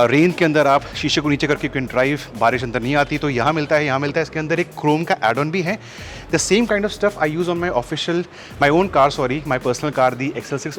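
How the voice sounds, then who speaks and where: Brief: energetic Indian male car vlogger, slightly high voice, faint music under outdoor walkaround. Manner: mixes Hindi and English, conversational; energetic presenter, frequent uh fillers. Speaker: car reviewer host.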